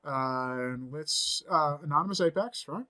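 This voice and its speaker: Man, 40s, coding tutorial, chatty and upbeat, thinks aloud, bright tone, desk mic at home. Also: a little high, a little slow. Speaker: programming instructor. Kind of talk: screen-recorded coding tutorial. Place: home office, indoors.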